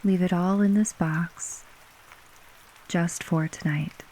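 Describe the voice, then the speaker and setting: Slow, soothing woman narrating a sleep story. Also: lowish voice, low-quality recording. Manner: gentle, unhurried, with long pauses between short phrases. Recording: steady rain ambience behind voice. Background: rain falling.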